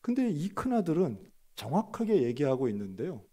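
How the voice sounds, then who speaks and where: A male pastor preaching a sermon, telling a story with lively delivery and loud bursts when he acts out quoted lines. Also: a little high, a little fast.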